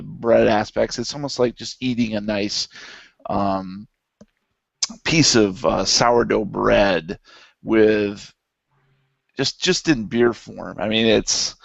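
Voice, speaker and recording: Gravelly-voiced man tasting beer. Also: on the low side, dry recording, dull audio. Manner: relaxed, rambling, many fillers. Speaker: beer review podcast co-host. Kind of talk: casual beer tasting chat.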